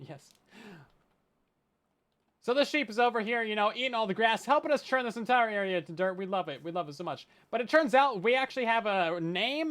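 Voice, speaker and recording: Giggly man streaming a game, lively. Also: high voice. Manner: giggly and playful, laughs often; chatty, talks to chat while playing. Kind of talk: casual live-stream gameplay commentary.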